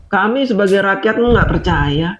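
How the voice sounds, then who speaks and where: A man's voice: sits high, expressive, normal speed, noisy background. A man ranting to camera as an online commentator, scolding with sarcastic rhetorical questions. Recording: dull lo-fi audio.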